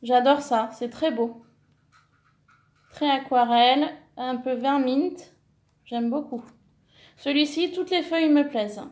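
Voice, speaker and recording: A woman's voice: high voice, takes it slowly, pauses often, darkish tone, reverberant. A woman chatting casually through a haul video of craft papers, enthusiastic and full of fillers, correcting herself as she goes. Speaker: scrapbooking vlogger.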